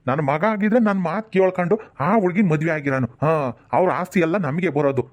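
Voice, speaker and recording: A man playing a loud drunken village father. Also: on the high side, quick pace, close to an everyday voice. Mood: scornful. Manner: slurred, bullying, shouting. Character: drunken middle-aged father, loud and abusive. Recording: dull lo-fi sound.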